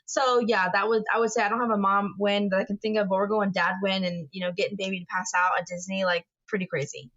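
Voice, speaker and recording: A woman's voice: medium pitch, flat delivery, quick pace, few pauses, fairly bright tone, muffled recording. A young woman co-hosting a podcast, telling a story animatedly with lots of swearing. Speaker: podcast co-host. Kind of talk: casual chat.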